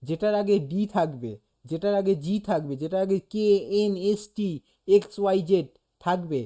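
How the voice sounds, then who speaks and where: Mellow-voiced teacher explaining step by step. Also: mid-range voice, normal speed. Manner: explains patiently, demonstrates sounds aloud, keeps checking "okay?". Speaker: animation teacher. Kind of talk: casual one-on-one lesson.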